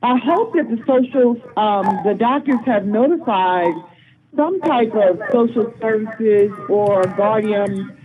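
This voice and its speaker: A middle-aged woman phones in to share her view, speaking earnestly and slowly with frequent ums. She comes through a thin, tinny phone line. A crowd murmurs behind her. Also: fairly high pitch, lively intonation. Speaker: caller. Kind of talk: call-in opinion.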